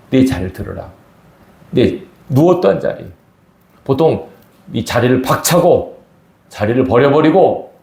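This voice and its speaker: Gravelly, animated man preaching in echoey sanctuary. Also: fairly low pitch. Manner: emphatic, conversational preaching with rhetorical questions. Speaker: pastor. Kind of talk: sermon. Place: church sanctuary.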